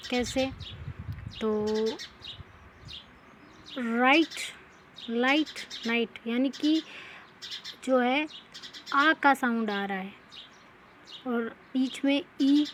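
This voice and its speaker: Woman teacher with a higher voice, very unhurried delivery, explains pronunciation rules step by step. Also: slight background noise. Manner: slow, repeats each rule and asks the class questions. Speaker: English teacher.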